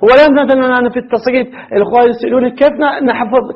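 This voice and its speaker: A man teaching grammar to a class, asking rhetorical questions and repeating examples slowly. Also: extremely high pitch, steady tone. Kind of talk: classroom lecture on Arabic morphology. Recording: muffled lo-fi lecture recording.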